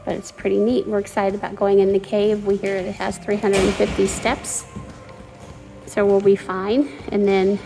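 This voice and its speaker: Female travel vlog host, mid-pitched voice, conversational explainer who addresses viewers directly, music behind her. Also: level tone, moderate pace, gravelly, mellow, poor audio. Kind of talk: chatty travel vlog narration.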